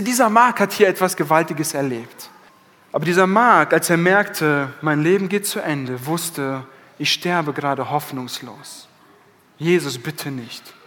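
A man preaching an Easter sermon with dramatic emphasis, often slowing his words down. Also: fairly high pitch, fairly bright tone. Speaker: pastor. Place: church hall. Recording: church hall reverb.

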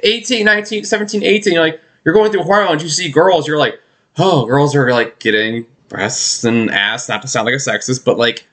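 A man's voice: fairly high pitch, normal speed, a bit bright. A man in his thirties hosting a casual podcast chat, telling rambling, self-deprecating stories. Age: 30s. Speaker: podcast host.

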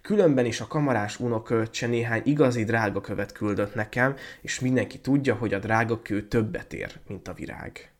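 A man's voice: on the low side, few pauses, close to an everyday voice. A man voicing a haughty young woman, a professor's daughter, speaking scornfully. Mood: disdainful. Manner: scornful, dismissive.

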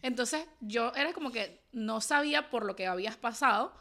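A woman's voice: fairly high pitch, lively intonation, normal speed, pushed and bright. A woman hosting a podcast, chatting supportively and reflectively with her guest. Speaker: podcast host. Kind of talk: casual interview chat.

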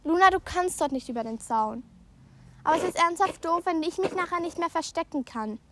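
A woman's voice: very high voice, lively intonation, a little fast. A teenage girl in a park, chatting and scolding her friend insistently. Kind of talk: casual chat. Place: outdoors in a park. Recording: phone recording with loud park noise.

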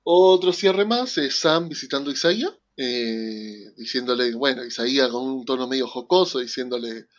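Brief: animated Rioplatense male co-host, mid-pitched voice, dull lo-fi recording. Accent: Rioplatense Spanish. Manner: animated, excitable, switches fast to slow. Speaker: podcast co-host. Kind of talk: casual chat recapping a TV series.

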